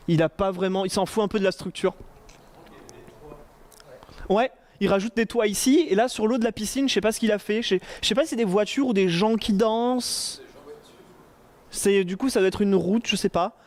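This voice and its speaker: A man giving a relaxed conference talk on AI, informal and joking, with lots of fillers and restarts. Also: high-pitched. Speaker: conference speaker on AI.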